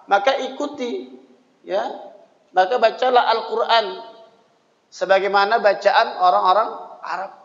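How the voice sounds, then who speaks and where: A man teaching religion to a study circle in a chatty way, reading Arabic lines, explaining them and checking in with the audience. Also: sits high. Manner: reads Arabic lines then explains them, chants verses in between; conversational, with frequent "ya" checks to the audience. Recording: echoey hall with long reverb, dull lo-fi sound.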